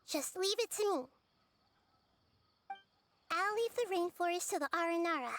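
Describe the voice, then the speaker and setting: High, gentle young nature goddess. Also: female voice, animated, a little hiss or hum, full character voice. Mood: reassuring, calm. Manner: measured, earnest, softly reassuring. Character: gentle, caring young female nature deity, small and thoughtful. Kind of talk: video game dialogue acting.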